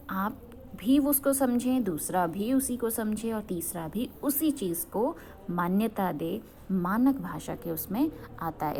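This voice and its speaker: Teaching grammar, a young woman from Uttarakhand, India, asks questions, supplies the answers herself, and keeps making sure her students follow along. She has a slightly high voice with a dark tone.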